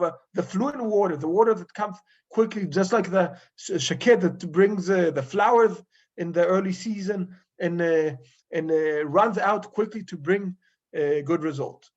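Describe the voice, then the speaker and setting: A man teaching a Torah class as a rabbi in an informal lecture, halting and searching for his words. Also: high voice. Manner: halting, searching for English words with frequent pauses. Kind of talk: informal study-group lecture. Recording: dull lo-fi recording.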